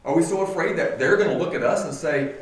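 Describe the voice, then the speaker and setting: A man preaches to his congregation in an earnest, conversational way, leaning on rhetorical questions. His pitch climbs and falls with real liveliness and sits a touch high. He is caught from some distance in a very echoey church hall. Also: lively intonation, fast talker. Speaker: pastor. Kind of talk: sermon. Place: church sanctuary.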